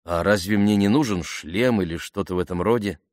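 Man doing a quiet, mumbling young man, low and dry, barely a put-on. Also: a little fast, no room sound, close to an everyday voice. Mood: subdued. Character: shy, reserved young man.

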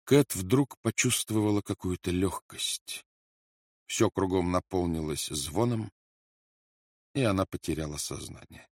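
Low-voiced male audiobook narrator. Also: unhurried, darkish tone, no room sound, studio quality.

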